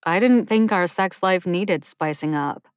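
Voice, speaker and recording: A woman's voice: on the low side, unhurried, clear, resonant tone, dry recording, studio quality, close to an everyday voice. A woman doing a skeptical, grumpy young woman. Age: 20s. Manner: scowling, dismissive. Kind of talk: audiobook character voice.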